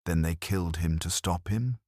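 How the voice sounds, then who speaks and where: A man voicing a bewildered, grieving middle-aged village butcher in an audiobook, murmuring haltingly. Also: low voice, a little mellow, no echo, clean studio sound.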